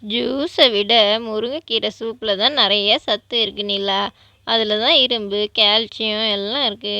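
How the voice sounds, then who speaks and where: A woman voicing a kindly elderly grandmother in a doll vlog, speaking softly and patiently. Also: mid-range voice, unhurried, no room sound, lo-fi sound. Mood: gentle. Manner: soft, patient, affectionate.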